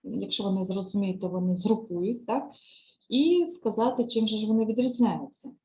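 A woman teacher trainer giving a step-by-step screen-share software tutorial, patiently explaining each click and lesson task and often checking "right?". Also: medium pitch, normal speed, low-quality recording.

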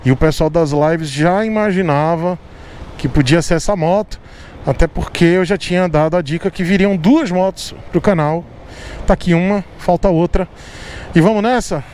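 A man's voice: a little high, darkish tone. A Brazilian man with a Brazilian Portuguese accent giving chatty motovlog commentary while riding a scooter, talking straight to his viewers. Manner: chatty, addresses viewers, frequent fillers. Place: on a scooter in city traffic outdoors. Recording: clear wind and traffic noise.

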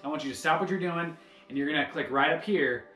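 A man's voice: on the high side, quick pace, a bit bright. A man hosting a video channel in casual chat, jokey and keen to plug things. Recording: roomy echo, faint music behind.

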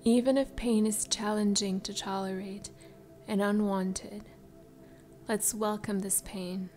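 A woman leads a guided meditation over background music. Her voice is soft and breathy, often sinking into a soothing spa whisper. She speaks very slowly at a medium pitch, leaving space between phrases. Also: fairly even intonation. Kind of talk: slow guided meditation narration. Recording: music behind the voice.

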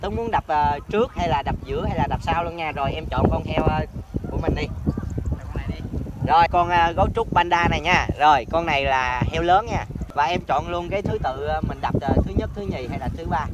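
A man's voice: on the high side, fairly quick, heavy background noise. A young man with a Southern Vietnamese accent hosts a casual challenge vlog outdoors, explaining things in a repetitive, hesitant way. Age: young adult. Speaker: host of a challenge video. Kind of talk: casual vlog presenting and instructing. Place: open grassy field outdoors. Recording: loud music over outdoor speech. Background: loud music.

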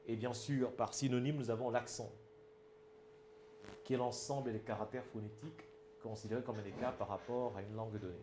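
A man's voice: mid-range voice, fairly even intonation, brisk, dark tone, reverberant, slight background noise. A man with a Cameroonian French accent giving an emphatic speaking lesson and often checking that his listeners follow. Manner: emphatic, asks the audience if it is clear. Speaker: public speaking trainer. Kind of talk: instructional talk.

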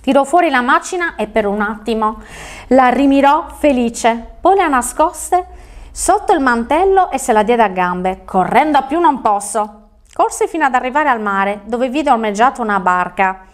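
A woman's voice: fairly high pitch, expressive, normal speed. A woman telling a fairy tale on a children's show, reading expressively.

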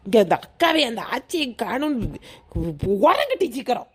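A woman's voice: high voice, huge pitch swings, moderate pace. A woman voicing a tired village mother coaxing her child to sleep, in a Kanyakumari Tamil accent. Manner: coaxing, grumbling. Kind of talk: cartoon voice acting.

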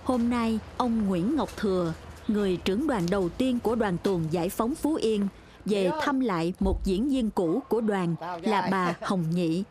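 A woman reading a documentary voice-over in a measured, formal way. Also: medium pitch, crowd noise. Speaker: documentary narrator. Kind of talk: scripted narration.

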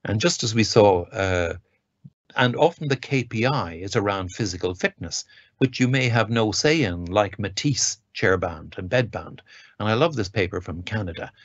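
An Irish man delivers an academic lecture from his home study over a webcam on a video call, full of enthusiasm and pointed emphasis, stressing the quotes he reads aloud. His voice is lowish with lively intonation at a moderate pace. The audio is dry, dull and lo-fi.

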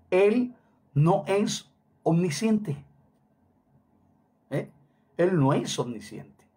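A man's voice: fairly high pitch, a little mellow, slightly rough. A middle-aged man preaching a sermon emphatically, repeating phrases for stress and dropping Hebrew words into his talk.

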